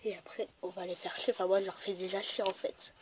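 A woman voicing a mean, scheming young woman in a toy-figure stop-motion video, talking in a low, whispery hush. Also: level tone, fast, lightly acted. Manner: hushed, whispery, conspiratorial. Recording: loud background hiss.

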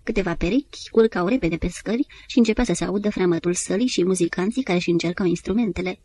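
Woman reading a literary story aloud, steady and even, warm low tone. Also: slightly rough. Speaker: audiobook narrator. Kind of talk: scripted literary narration.

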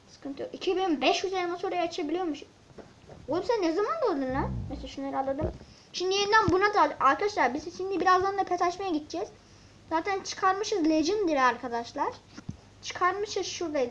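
A high-pitched woman chatters through a let's-play, quick to get excited and quick to grumble at the game. The sound is dull and lo-fi, with a faint hiss and clicks underneath. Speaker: gaming channel host. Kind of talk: casual let's-play commentary.

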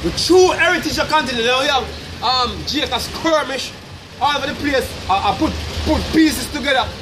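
A man's voice: extremely high pitch, normal speed, background noise. A man in his thirties with a Jamaican accent, preaching insistently on a city street at night, often adding "you know what I mean" and "man". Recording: street crowd and music behind.

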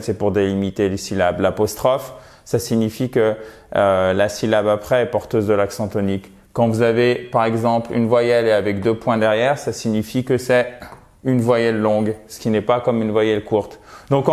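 Give me a man teaching an online English pronunciation lesson, relaxed and encouraging, mid-range voice. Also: medium pitch. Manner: chatty and encouraging, frequent "ok?" check-ins.

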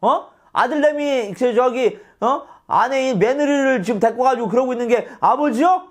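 A man's voice: very high-pitched, moderate pace, pitched above the performer's own voice. A man playing an indignant, scheming older statesman who scorns a bad father.

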